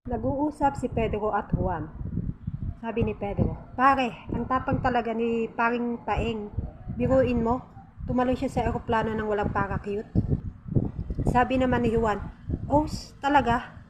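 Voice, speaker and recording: Slow woman reading jokes over noise. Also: a little high. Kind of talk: read-out jokes. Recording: loud background noise.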